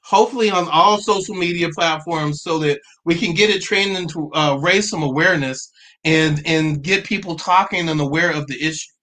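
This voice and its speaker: A man in his forties hosting a live-streamed talk, earnest and halting, stopping often to restart and to read out viewer comments. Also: on the high side, bright, forceful tone. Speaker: livestream host.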